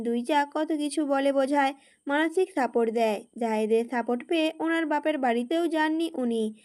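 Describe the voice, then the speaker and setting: A woman storyteller giving a steady, expressive scripted narration of a romance story. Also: sits high.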